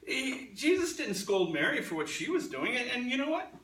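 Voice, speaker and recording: A man's voice: extremely high pitch, big pitch swings, normal speed, bright, forceful tone, slight background noise. A man preaching a sermon as pastor, talking conversationally and acting out the lines he quotes. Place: church sanctuary. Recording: roomy church sound from a distant mic.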